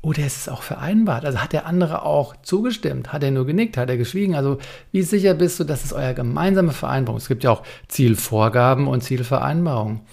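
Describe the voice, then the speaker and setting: A man's voice: mid-range voice, fast talker, gravelly, a little mellow. A man giving a communication coaching talk, speaking in short punchy phrases, asking rhetorical questions and addressing the listener directly.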